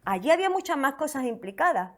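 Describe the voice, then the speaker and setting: A woman's voice: high voice, sing-song, fast talker, fairly bright tone. A woman pastor from Spain preaching a sermon with a Spain Spanish accent, reading scripture expressively and asking the congregation questions.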